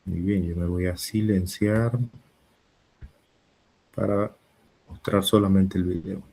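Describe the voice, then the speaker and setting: Male teacher on a video call, deep and slow, husky, dark tone. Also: fairly even intonation. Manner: slow, takes attendance, talks to students. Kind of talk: online class.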